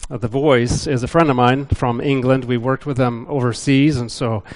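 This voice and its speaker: A man's voice: medium pitch, fairly even intonation, normal speed. A middle-aged man, a visiting missionary, giving a casual, self-deprecating church talk with frequent "uh" fillers. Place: church building.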